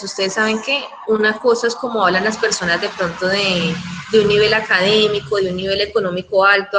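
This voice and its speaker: A woman's voice: mid-range voice, noisy background. A Colombian woman teaching an online class, chatty, often checking in with her students and acting out regional sayings.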